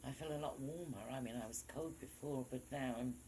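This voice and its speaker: A man's voice: mid-range voice, a little fast, a little mellow, slight background noise, poor audio. A man chatting casually and giving short replies as a sitter in a group circle. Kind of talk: casual chat.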